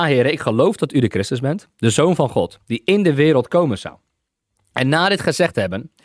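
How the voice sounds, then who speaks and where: A man's voice: medium pitch, no room sound, clean studio sound. A man teaching a Bible lesson as a sermon, repeating his phrases with emphasis and frequent hallelujahs. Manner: repetitive, emphatic preaching with hallelujahs. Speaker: preacher.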